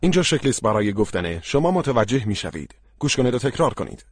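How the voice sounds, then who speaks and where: A man narrating a language course as its instructor, speaking in a slow, deliberate and instructive way. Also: medium pitch, big pitch swings, slightly rough, no room sound.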